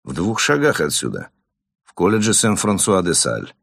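A man voicing a calm, phlegmatic police officer who answers his father in an even tone. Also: sits low, normal speed, vocal fry, breathy edge, no echo, studio quality, full character voice. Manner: level, even-toned replies.

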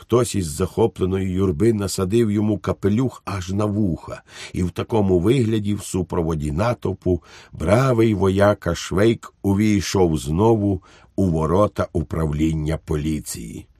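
A man narrating an audiobook in an expressive storytelling manner, recorded close to the mic. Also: low voice, moderate pace, no room sound. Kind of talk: scripted narration.

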